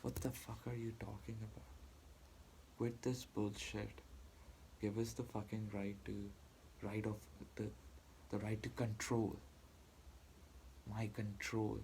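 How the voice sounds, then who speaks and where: Man, angry rant, swearing, halting restarts, gravelly low voice, flat delivery, faint hiss behind. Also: poor audio. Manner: heated, profane, halting with restarts. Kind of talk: angry personal rant to camera.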